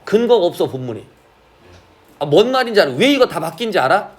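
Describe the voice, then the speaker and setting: Lively high-voiced male teacher. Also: brisk. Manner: asks frequent check questions, drawls key terms. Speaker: Korean literature teacher. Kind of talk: classroom lecture.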